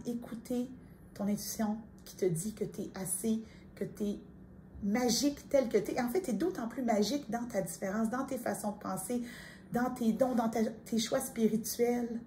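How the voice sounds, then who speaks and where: A middle-aged woman with a Quebec French accent giving a gentle, intimate spiritual card reading, speaking straight to the listener. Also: fairly high pitch, normal speed, slight background noise. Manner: soft-spoken, intimate, addresses listener directly. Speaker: tarot card reader.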